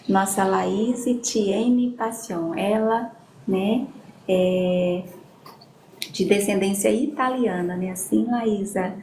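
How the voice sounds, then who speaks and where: In an echoey space with ambient noise, a church leader with a darkish mid-range voice leads prayer on a live stream. She affectionately reads out names and prayer requests slowly, with frequent "amém" and "né."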